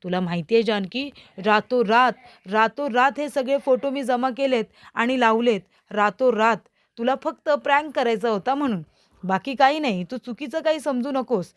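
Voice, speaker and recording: A young man pleading and making excuses, read by a woman narrator. The voice stays her own, fairly high, with coaxing repeated appeals. It is a spoken recap of a TV serial. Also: moderate pace, no room sound, lightly acted. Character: young man nervously explaining away a prank.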